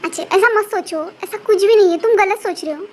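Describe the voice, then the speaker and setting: A gentle, caring older sister who tries to calm and reassure her younger brothers, as a woman reading a story voices her. The voice is very high, with a faint hiss underneath. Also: a little fast. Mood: pleading. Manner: soothing, pleading. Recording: faint background noise.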